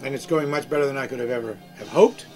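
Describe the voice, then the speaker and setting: A man's voice: mid-range voice, fast, darkish tone, faint music behind. A man hosting a live radio show, chatty and reflective, speaking into a studio microphone. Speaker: radio DJ host.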